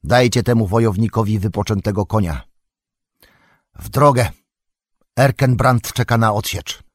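A man reading aloud, voicing an aged king who speaks with stern command, with a husky voice. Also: on the low side, a little fast, no room sound, clean studio sound, lightly acted.

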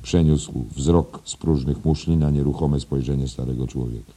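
Very deep, dark-voiced male narrator. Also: steady tone, normal speed, husky. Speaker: audiobook narrator. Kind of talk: scripted literary narration.

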